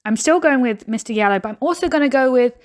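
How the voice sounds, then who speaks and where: A woman's voice: high-pitched, animated, fast talker. A woman giving casual reaction commentary on a video, chatty, thinking aloud and laughing now and then. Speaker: YouTuber reacting to a game show video.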